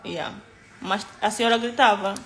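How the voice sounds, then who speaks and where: A woman's voice: medium pitch, normal speed, fairly bright tone. Woman telling a story to camera. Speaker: vlogger recounting an incident.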